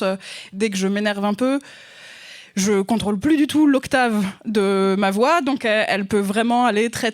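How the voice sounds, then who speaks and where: A woman in her thirties, a guest writer, chatting casually and hesitantly, with lots of fillers and restarts. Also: a little high. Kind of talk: casual chat.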